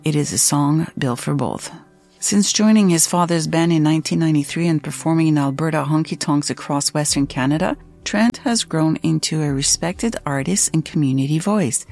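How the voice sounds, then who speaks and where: Earnest woman host, low voice. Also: darkish tone. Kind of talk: interview hosting, read introduction.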